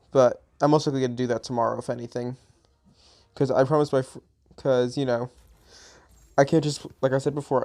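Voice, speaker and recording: A man's voice: mid-range voice, darkish tone. Tired-sounding man narrating gameplay casually. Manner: rambling, chatty, self-correcting. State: a little tired. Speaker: gaming channel host.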